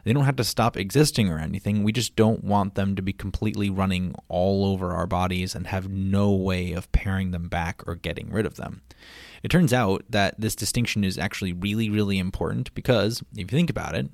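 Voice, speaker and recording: A man's voice: low voice, a little fast, creaky, a little mellow, dry recording, clean studio sound. A man hosting a casual science podcast, chatty and playful, with frequent ums and asides. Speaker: podcast host.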